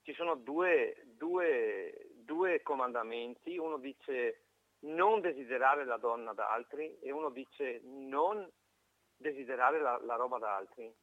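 Guy on the phone into a radio show, tinny dry line, slow and halting, keeps restarting. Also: medium pitch, no room sound. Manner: halting and reflective, with frequent restarts. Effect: heard over a phone line. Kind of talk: call-in opinion on a live broadcast.

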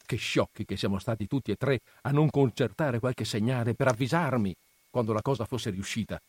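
A man's voice: medium pitch, a little fast, a little mellow, slightly rough, dry recording, lightly acted. A man voicing a fretful, scheming village mother who mutters anxiously to herself.

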